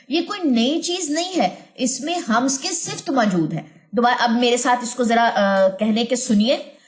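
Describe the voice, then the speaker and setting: A woman teaching tajweed online, explaining each point step by step and then slowly sounding out letters and example words. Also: high voice.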